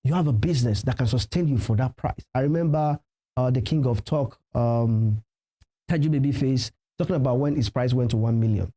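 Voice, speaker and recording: In a conversational TV interview, a Nigerian professional MC and event host with Yoruba as his native language presses his advice emphatically, repeating key phrases. He talks briskly in a dark-toned, mid-range voice.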